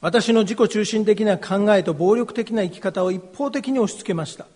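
Husky high-voiced pastor in a reverberant hall. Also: male voice, darkish tone. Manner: slow, earnest, confessional delivery. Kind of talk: personal testimony sermon.

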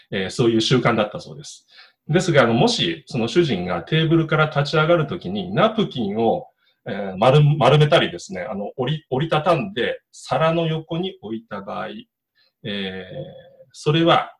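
A middle-aged man preaching a sermon in a relaxed, conversational way, with frequent fillers and self-corrections. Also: mid-range voice. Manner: conversational, many fillers and restarts. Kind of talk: casual sermon.

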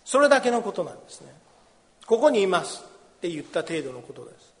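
A fairly high-pitched man preaching a sermon, a pastor who reads from the Bible and then explains it in a gentle, conversational way. His voice carries a long reverb, as if recorded in a large church sanctuary. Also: big pitch swings, fast talker.

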